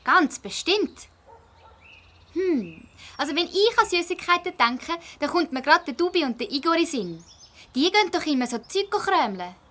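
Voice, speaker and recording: With a Swiss German accent and a high voice at moderate pace, a woman performs a keen, resolute young schoolgirl sleuth in a kids' audio drama. She plays the part emphatically and with lots of expression.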